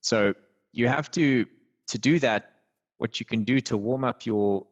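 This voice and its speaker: A man speaking as a guest on a podcast, sharing voice-training advice with animated energy. His delivery swings in pitch and volume for emphasis. He talks like a working voice actor who is coaching the listener. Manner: explanatory, animated, laughs easily. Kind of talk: conversational interview.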